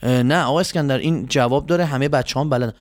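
A man hosting a children's quiz show, patient and polite but flustered by his contestants. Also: medium pitch. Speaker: quiz host.

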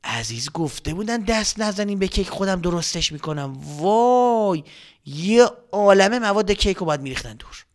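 A man narrating a children's story, animated, with exclamations and dramatic whispers. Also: sits high.

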